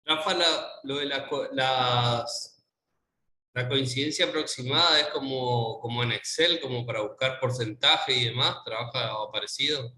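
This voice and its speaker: Bright hesitant male student, echoey room. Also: mid-range voice, unhurried. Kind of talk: asking a question in class. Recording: echoey room with faint noise.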